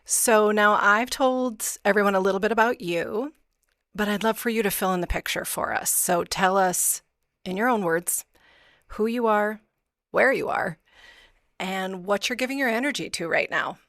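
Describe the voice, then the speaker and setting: A woman's voice: mid-range voice, moderate pace, fairly bright tone, no echo. Female podcast host, conversational interviewer, dry close mic.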